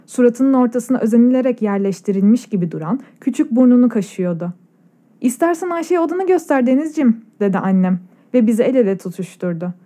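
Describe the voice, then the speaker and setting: A woman narrates a story in a calm, reflective and measured way. Her voice sits slightly high but has a warm, mellow color. It is a clean studio recording. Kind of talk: scripted audiobook narration.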